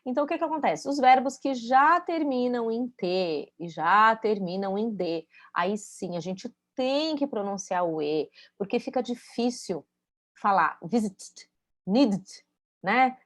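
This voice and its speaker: A woman's voice: on the high side, measured pace. A woman teaching English pronunciation in a casual spoken lesson, speaking, explaining patiently and checking in with her students as she demonstrates sounds.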